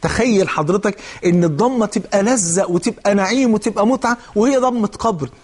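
A man's voice: high-pitched, quick pace, a little mellow, slightly rough. A man preaching a colloquial religious sermon in an Egyptian Arabic accent, fervent and asking his listeners rhetorical questions.

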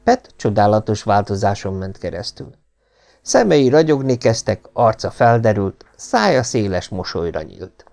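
Gravelly, expressive male audiobook narrator. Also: lowish voice. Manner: expressive storytelling. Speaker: audiobook reader. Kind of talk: scripted narration.

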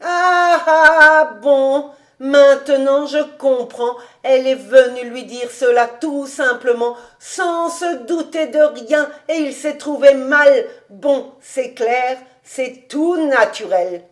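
A woman reading aloud, voicing an excitable old male rabbi with loud, high, emphatic exclamations. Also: close to an everyday voice. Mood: excited, coaxing. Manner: emphatic, slow, coaxing.

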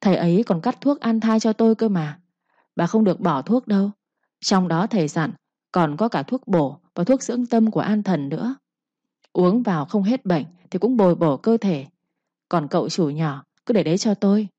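A scheming second wife with a sugary, coaxing voice that hides her cruelty, put on by a woman reading a story. Her tone is low and dark, husky at the edges. The recording is dull and muffled. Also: lively intonation, moderate pace, no room sound. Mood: falsely sweet. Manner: sweetly coaxing with a false tone.

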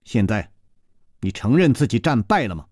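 A man's voice: mid-range voice, very animated, normal speed, a little mellow, no room sound, studio quality. A male storyteller voicing a haughty, vicious palace disciple in a cold, sneering manner.

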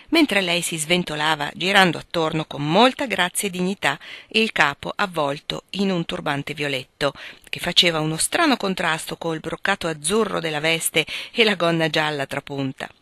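A woman's voice: deep voice, no room sound. A woman reading a classic novel aloud as an audiobook, telling it expressively. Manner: expressive storytelling. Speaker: audiobook reader.

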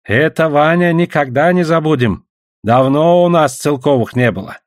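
A man's voice: on the high side, moderate pace, dry recording, studio quality, pitched above the performer's own voice, natural voice. A man voicing an eager native villager who speaks broken, pidgin-like phrases. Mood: grateful. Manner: broken pidgin speech, exclamatory. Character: jubilant native man Chumboka, grateful and eager.

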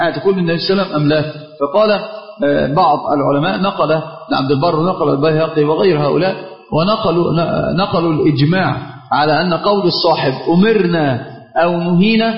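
A man teaching a religious lesson, explaining points carefully and chanting short examples of the call to prayer. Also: fairly high pitch. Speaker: sheikh teaching a class. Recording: echoey hall, dull lo-fi sound.

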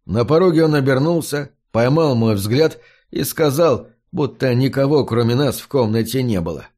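Male audiobook narrator, measured storytelling. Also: medium pitch, lively intonation, a little mellow. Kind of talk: scripted first-person narration.

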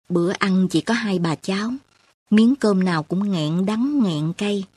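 A woman narrating an audiobook with poetry, reading in a slow, lyrical, emotional way. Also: medium pitch, darkish tone, breathy edge, no room sound.

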